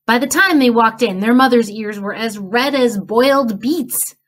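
A woman librarian reading a picture book aloud, slow and expressive. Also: fairly high pitch. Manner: slow expressive storytelling with character voices. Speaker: children's librarian.

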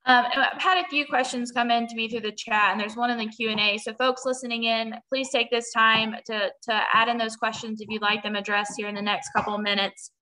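A woman's voice: on the high side, steady tone, fairly quick, hardly any pauses, pushed and bright, low-quality recording. A young woman moderating a webinar Q&A on a video call, friendly, with many "um"s and restarts. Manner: friendly, many "um"s and repeated words. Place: small room. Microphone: built-in mic on a video call.

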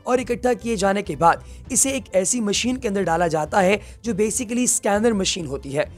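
A documentary narrator delivers a scripted, explanatory voice-over at a mid pitch. The narrator keeps turning to the audience as friends between steps. Soft music plays faintly underneath. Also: expressive, normal speed. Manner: addresses listeners as friends, explanatory. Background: faint background music.

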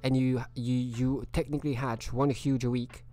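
A man's voice: mid-range voice, little pitch movement, normal speed, dark tone, faint music behind. A man streaming a video game live, chatting casually and greeting viewers by name.

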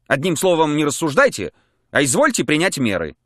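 A man's voice: on the high side, huge pitch swings, a little fast, fairly bright tone, no echo, voice pushed up, full character voice. A man voicing a pompous, scheming colonel's wife in an audiobook, indignant and commanding, in a dry close recording. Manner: indignant, commanding, then coyly sweet. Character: pompous middle-aged colonel's widow, haughty and scheming. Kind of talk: audiobook character voice. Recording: dry close studio mic.

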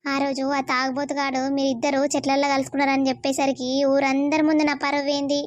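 A furious village mother, voiced by a woman scolds in a high, rapid voice. Her cartoon lines are reproachful and come close and dry, with little room sound. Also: completely flat delivery, no room sound, natural voice. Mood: scolding. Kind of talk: cartoon voice acting.

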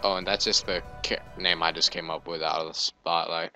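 Deep-voiced young man, casual gaming commentary. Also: flat delivery, fairly quick, over music. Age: young adult. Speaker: gaming video host. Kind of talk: casual let's play commentary.

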